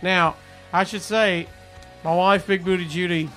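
A man co-hosting a casual snack-tasting show, talking in a playful, joking way with quick asides. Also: high-pitched, fairly even intonation, fairly bright tone, soft background music. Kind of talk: casual chat.

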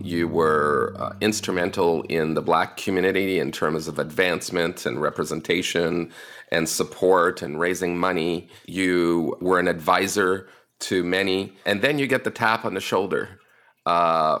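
A man's voice: low-pitched, fairly bright tone. A man hosting an interview show, asking his guest questions and laughing along with him.

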